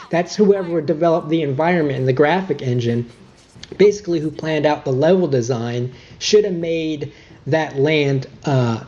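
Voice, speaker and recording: Young man ranting about a game, mellow voice. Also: fairly high pitch, lo-fi sound. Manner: irritated, profane, nitpicking. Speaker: game reviewer. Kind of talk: casual spoiler review rant.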